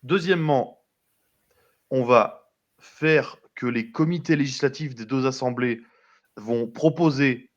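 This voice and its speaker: Man explaining politics, slightly muffled. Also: mid-range voice. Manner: explanatory, conversational, frequent hesitations. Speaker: commentator. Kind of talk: political news commentary.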